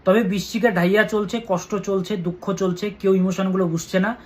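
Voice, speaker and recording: A man with a Bengali accent, an astrologer giving earnest weekly horoscope advice and slowly chanting mantras. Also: high-pitched, fairly even intonation.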